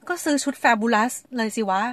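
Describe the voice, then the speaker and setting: A woman's voice: on the high side, fairly bright tone, dry recording. A woman chatting casually and frankly as a podcast host, swearing freely and acting out what others said. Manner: fast and chatty. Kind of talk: casual chat.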